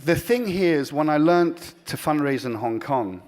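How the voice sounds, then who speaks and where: Speaking on the high side with lively intonation, a man thanks the audience for an award recognizing the charity he founded. His earnest speech is full of pauses and restarts, veering from emphatic to soft.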